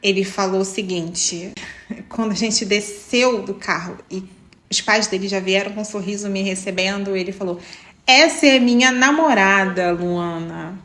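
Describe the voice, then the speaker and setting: A woman's voice: medium pitch, normal speed. A young adult woman from Brazil, telling her own love story to her viewers in a casual, emotional way and often calling out to them directly. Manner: animated, emotional, addresses viewers as "gente".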